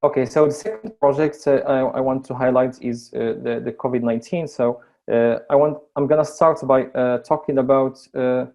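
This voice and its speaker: A man with a North African accent, a Moroccan Arabic speaker, presents at a webinar. His voice is mid-pitched and mellow. He speaks haltingly, with frequent hesitations and repeated words as he lays out his points. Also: steady tone. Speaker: AI researcher and lecturer presenting projects.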